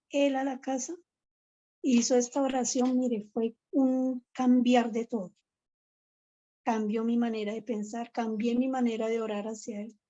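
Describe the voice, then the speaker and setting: A woman's voice: fairly high pitch, warm tone, highs cut off. A woman giving an emotional, earnest church testimony and exhortation, with frequent restarts.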